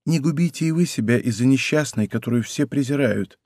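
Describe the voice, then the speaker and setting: Guy reading as a weak young woman begging softly, hushed and dry, studio audiobook. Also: mid-range voice, fairly quick, dry recording, close to an everyday voice. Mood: pleading. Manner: soft, hushed, pleading. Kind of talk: audiobook character voice. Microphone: close studio mic.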